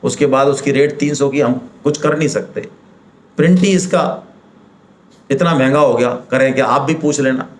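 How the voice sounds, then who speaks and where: A man giving a devotional seminar talk in a middle-pitched voice. He is lively and persuasive, throws rhetorical questions at the listeners and speaks to them directly and colloquially. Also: moderate pace. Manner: animated, rhetorical questions, acts out quoted voices.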